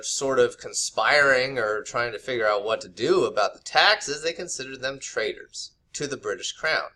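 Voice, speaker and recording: Bright-voiced man teaching history casually. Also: medium pitch. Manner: loose, conversational, many fillers and restarts. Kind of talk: unscripted video lesson. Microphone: camera mic.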